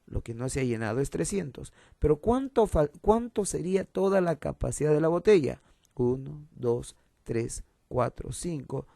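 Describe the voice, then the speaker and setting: A man's voice: mid-range voice, creaky, mellow, slight background noise. A man explaining fraction word problems step by step as a math teacher, patiently repeating the key rules.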